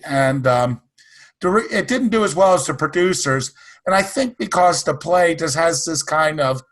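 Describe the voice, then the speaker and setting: A man's voice: on the high side, a bit bright. Rambling man chatting about films. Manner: rambling, self-correcting. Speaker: podcast co-host. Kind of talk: casual film discussion.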